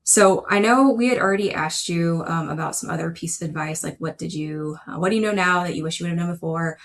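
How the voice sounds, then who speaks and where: A woman's voice: on the low side, fast talker. A woman co-hosting a podcast, asking long, rambling questions in a chatty way full of fillers. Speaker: podcast co-host. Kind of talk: casual interview conversation.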